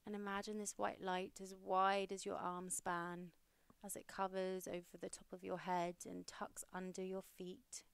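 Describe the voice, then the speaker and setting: A young woman hosting a podcast, leading a guided meditation in a slow, soothing, steady way. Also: mid-range voice, creaky, clean tone, no echo.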